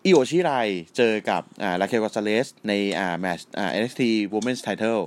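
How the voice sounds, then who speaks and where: A young man co-hosting a casual podcast, retelling events in a profane, animated way with rough slang. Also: on the low side, moderate pace. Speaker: podcast co-host. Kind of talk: casual crude chat about wrestling.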